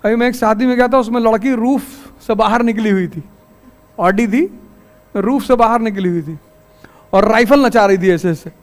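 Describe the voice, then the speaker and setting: A man's voice: high voice, moderate pace, soft background music. A male teacher lecturing his class in a classroom, telling anecdotes and scolding students. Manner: storytelling, scolding, rustic asides.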